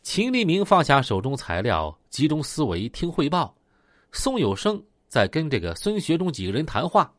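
A man narrating a crime story aloud, animated and stretching his words with drawn-out filler particles. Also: fairly high pitch, dry recording, studio quality.

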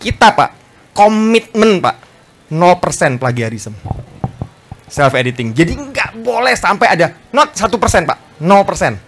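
A man speaking to an audience at a book talk, lively and chatty, acting out quoted voices and often addressing listeners politely. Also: high-pitched, background noise. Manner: animated, fast, acts out quoted voices, often adds "Pak". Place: bookstore event space.

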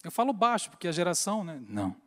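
A man's voice: high-pitched, brisk, big-room sound. A man giving a humorous sermon, acting out scenes and calling his listeners brothers. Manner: animated storytelling, acts out scenes, addresses crowd as brothers. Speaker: preacher.

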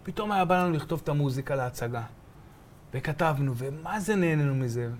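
Middle-aged male comedian guest, high-pitched, animated anecdotes full of impressions. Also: a little hiss or hum. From Israel, from Be'er Sheva. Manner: animated, acts out voices and sounds. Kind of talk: casual interview storytelling.

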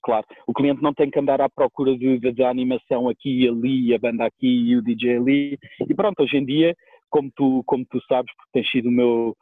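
A man's voice: medium pitch, fairly even intonation, brisk, dry recording. A man with a European Portuguese accent answering as an interview guest, casual, colloquial and wordy, over a tinny phone-like line. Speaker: guest, musician and DJ.

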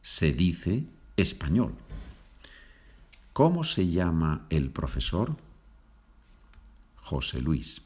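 A man teaching a podcast language lesson, repeating phrases slowly for learners. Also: rumbling low, wildly swooping pitch, darkish tone. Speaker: Spanish teacher.

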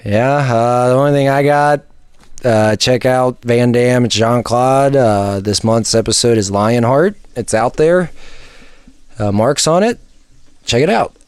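A man's voice: mid-range voice, measured pace, clear, resonant tone, no room sound. A man hosting a podcast in a casual, rambling, offhand way. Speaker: podcast host.

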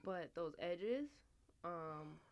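A woman's voice: lowish voice, expressive, very slow, dull audio. A young woman co-hosting a podcast, teasing playfully in casual chat. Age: young adult. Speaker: podcast co-host.

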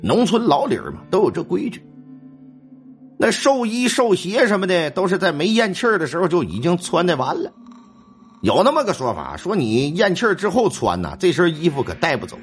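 A man telling a ghost story in a colloquial, animated way. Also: sits high, brisk, faint music behind.

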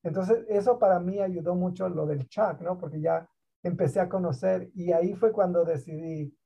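A man from Mexico speaks with a high, gravelly, husky voice. He tells his story in an emphatic, animated way as an interview guest, and the audio sounds muffled and lo-fi, like an online call. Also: moderate pace. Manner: animated, emphatic storyteller who mixes in English words. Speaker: guest, school district program director.

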